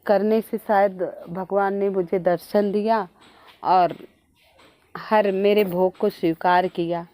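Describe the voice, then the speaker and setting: A woman voicing an elderly devout mother in a spoken folk tale who scolds and then gently forgives. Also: mid-range voice, fairly even intonation, slow, close to an everyday voice. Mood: gently forgiving.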